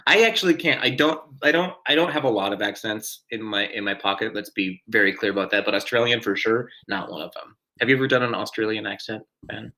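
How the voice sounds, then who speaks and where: A man's voice: fairly low pitch, quick pace, few pauses, pushed and bright, rough recording. A man hosting a live-streamed trivia night, chatty and self-deprecating, often chuckling at his own mistakes. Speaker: trivia host.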